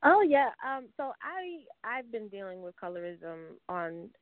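A woman's voice: mid-range voice, big pitch swings, a little slow, no echo. This is a woman from New York, a guest on a call-in show, who speaks politely and now and then repeats her words. Her voice comes over a dry, tinny phone line. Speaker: guest, public relations consultant.

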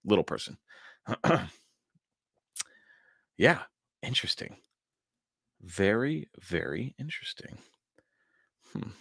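A man's voice: lowish voice, very animated, slow pace, gravelly, pauses often, fairly bright tone, breathy edge, no echo, studio quality. A male podcast host who reads his own written account aloud and then chats casually, wry and sarcastic, laughing often.

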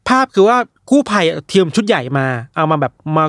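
A man's voice: sits high, brisk, dry recording, clean studio sound. A man casually retelling strange news stories to friends, acting out the people in them. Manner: animated retelling with quoted voices. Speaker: storyteller of odd news. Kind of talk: casual chat.

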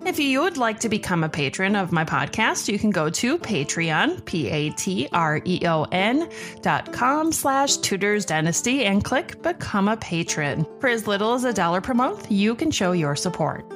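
A woman's voice: medium pitch, sing-song, normal speed, faint music behind. A woman hosting a podcast, reading scripted narration. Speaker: podcast host.

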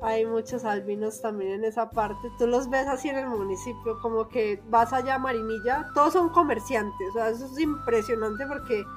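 A young Colombian woman with a paisa accent, chatting as a podcast guest in a lively, laughing, storytelling way. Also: on the high side, normal speed, hardly any pauses, music in the background. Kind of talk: casual conversation.

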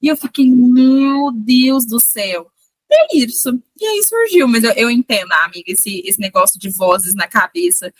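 Give me a Brazilian woman co-host with a fairly high voice, rambling through a story in a casual chat. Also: sing-song, brisk, hardly any pauses, no echo, poor audio. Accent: Brazilian Portuguese. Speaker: podcast co-host.

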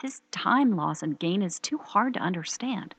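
A woman's voice: medium pitch, expressive, moderate pace, a bit bright, slightly rough, no room sound. A woman playing an earnest rookie agent. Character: young female rookie time-travel agent. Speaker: actor in an audio drama. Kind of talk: audio drama acting.

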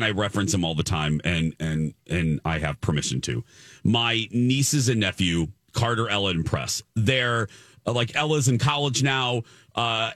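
A man co-hosting a radio call-in show, giving firm opinions in a casual, animated way. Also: medium pitch, no room sound, studio quality. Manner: animated, opinionated, many restarts. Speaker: radio co-host.

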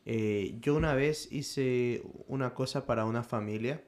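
A man with an Ecuadorian accent chats casually on a podcast. He tells his stories at an easy, relaxed pace. He often caps his phrases with a slangy tag word. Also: mid-range voice, a little slow. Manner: relaxed storyteller who tags phrases with "loco". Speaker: podcast co-host. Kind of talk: casual chat.

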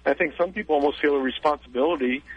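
A man's voice: fairly high pitch, racing, husky, dry recording. A man calling in to a radio show over the phone, chatting casually and hesitating with many fillers. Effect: phone call into a radio show. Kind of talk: casual on-air chat. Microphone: telephone. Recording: dull dry phone line.

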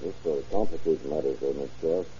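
In an old-time radio crime drama, a man plays a keen, hunch-following investigator who assists the sheriff, sounding inquisitive. His voice rumbles low, mellow and quick, with slight background noise on a dull, muffled old radio recording.

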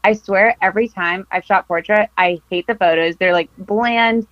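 A woman's voice: medium pitch, moderate pace, no room sound, highs cut off. A woman in her twenties from California, a film photographer chatting in a casual interview, laughing often and filling with likes and ums. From Costa Mesa, California. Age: 20s. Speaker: podcast guest, film photographer.

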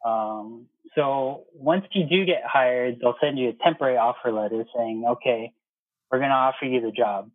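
The guest, an air traffic controller in his thirties, keeps things conversational while narrating his own experiences and repeating exchanges word for word. His mid-range voice runs at normal speed with no echo, carried over a muffled phone-like line.

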